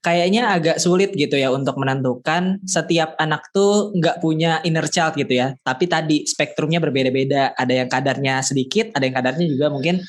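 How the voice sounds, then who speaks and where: A man's voice: a little high, fairly quick, few pauses. A man hosting a podcast, casually framing long questions and thinking aloud as he goes. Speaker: podcast host. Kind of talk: casual interview chat.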